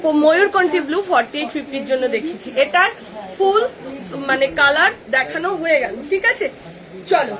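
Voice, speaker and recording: A woman with a Kolkata Bengali accent, selling clothes on a live stream, brisk and chatty as she reels off sizes and prices. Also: high-pitched, lively intonation, crowd noise, poor audio. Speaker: online kurti seller. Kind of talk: live-stream sales pitch. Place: clothing shop.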